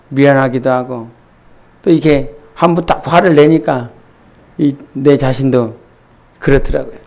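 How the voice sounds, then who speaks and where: A man's voice: medium pitch, vocal fry, a little mellow. A middle-aged man, a pastor, preaching a sermon in church and telling a candid, self-deprecating story full of restarts.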